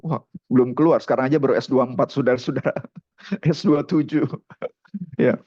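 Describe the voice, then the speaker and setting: A male pastor telling a story in a lively sermon to a webinar audience. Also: medium pitch, normal speed, no room sound, lo-fi sound. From Indonesia. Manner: lively, addresses the listeners as brothers and sisters. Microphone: webinar audio.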